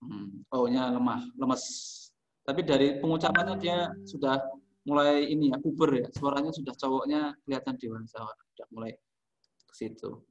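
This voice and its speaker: The recording is reverberant and lo-fi with slight background noise, and the man speaks at a medium pitch and normal speed. He's an Indonesian music teacher online who calls on pupils by name, restates their answers, and explains terms one by one.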